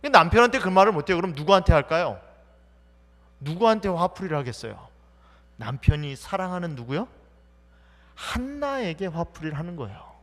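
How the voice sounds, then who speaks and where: A man's voice: sits high, very animated, brisk, pauses often, a bit bright. A man pastor preaching a sermon, asking the congregation questions and answering them himself, acting out the people in the story. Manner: acts out quoted speech of the story's people. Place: church sanctuary. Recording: church hall reverb.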